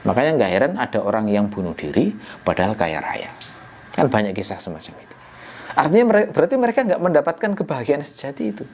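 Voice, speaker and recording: A man teaching the meaning of a scripture passage in a relaxed, conversational way. He poses rhetorical questions and answers them himself. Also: medium pitch, fast, slight background noise. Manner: conversational, frequent "ya" and "nah" fillers. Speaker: Quran exegesis teacher. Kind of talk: explanatory religious lecture.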